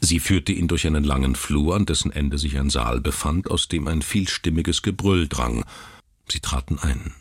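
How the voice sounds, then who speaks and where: A man narrating a literary story in a measured, dramatic reading. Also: very deep voice, slightly rough, dry recording, studio quality.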